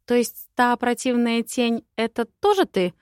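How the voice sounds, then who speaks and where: A woman reading an audiobook voices a feisty, sarcastic young bride with shrill, exasperated outbursts. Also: normal speed, no echo, clean studio sound, close to an everyday voice. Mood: incredulous.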